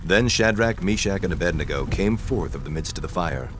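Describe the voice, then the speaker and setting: A man narrating scripture in a measured, solemn reading over a music bed. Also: low-pitched, expressive. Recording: clear music bed behind.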